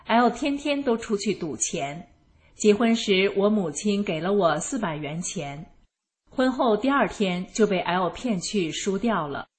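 A woman narrating her own life story in the first person, in a calm and even manner. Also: mid-range voice. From rural China.

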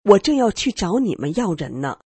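A woman's voice: medium pitch, sing-song, moderate pace, dark tone, slightly rough, no echo, full character voice. A woman voicing an elderly grandmother who is stern and protective, in a dramatized radio story. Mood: indignant.

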